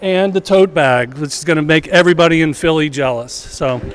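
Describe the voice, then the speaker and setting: A man's voice: fairly high pitch, fairly quick, a faint crowd, a little hiss or hum. A man, a college department chair, giving casual remarks at a gallery event, projecting his voice to the room with frequent hesitations. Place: art gallery event, indoors.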